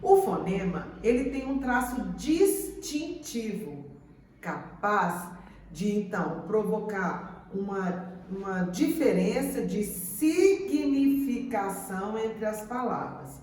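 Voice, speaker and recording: A woman teacher giving a slow, deliberate grammar lesson, repeating example words. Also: medium pitch, lively intonation, darkish tone. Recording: echoey room, mic at a distance.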